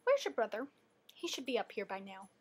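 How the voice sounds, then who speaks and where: A woman's voice: fairly high pitch, big pitch swings, slightly rough. A woman playing a patient, firm mother. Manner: soft, measured and instructive.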